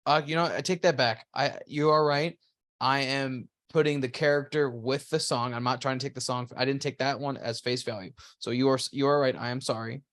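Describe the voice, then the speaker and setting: A man co-hosting a podcast, giving quick, blunt verdicts full of slang in casual chat. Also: medium pitch, fairly even intonation, fairly bright tone, no room sound, clean studio sound. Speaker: podcast co-host.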